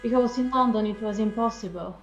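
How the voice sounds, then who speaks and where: A woman's voice: a little high, a little fast, lo-fi sound, soft background music, close to an everyday voice. A woman playing a naive would-be starlet. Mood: dreamy, unsure. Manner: hesitant, stammering, giggly. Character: naive young woman dreaming of film stardom. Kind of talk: improvised film-noir comedy scene.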